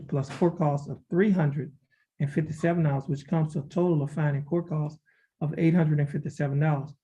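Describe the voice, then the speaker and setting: Flat-voiced male judge in a courtroom recording. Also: a little high. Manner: measured, formal, reading documents aloud. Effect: courtroom recording heard over a video call. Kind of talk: formal plea hearing. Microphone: video call. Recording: dull lo-fi courtroom audio with faint hiss.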